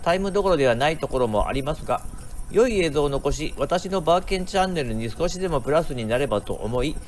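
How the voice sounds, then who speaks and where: A man's voice: on the high side, lively intonation, fast. A man narrating his own vlog as a scripted voice-over. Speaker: vlogger narrating own marathon video.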